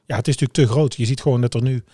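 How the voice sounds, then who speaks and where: A man's voice: mid-range voice, fairly even intonation, racing, warm tone, no room sound, studio quality. A man with a Brabant accent, co-hosting a podcast in chatty, enthusiastic casual talk. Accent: Brabant Dutch. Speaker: podcast co-host. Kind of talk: casual chat.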